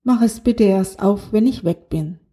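Gentle alien girl friend, woman reading, slow and warm. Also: medium pitch, close to an everyday voice. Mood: reassuring. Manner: gentle, reassuring. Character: kind young alien girl, loyal friend. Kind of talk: children's audiobook reading.

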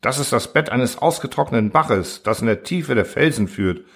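Man voicing an impulsive, energetic inventor. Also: medium pitch, normal speed, slightly rough. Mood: eager.

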